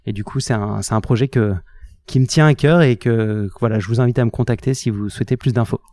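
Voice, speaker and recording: A man in his thirties talking in a casual interview, earnest and halting, often restarting his words. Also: mid-range voice, mellow. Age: 30s. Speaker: guest.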